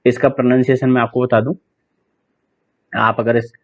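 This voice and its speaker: A man's voice: mid-range voice, flat delivery, normal speed. A man teaching English vocabulary for an exam, chatting with students, asking them questions and spelling words letter by letter. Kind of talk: online exam-prep vocabulary lesson. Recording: tinny phone-like sound.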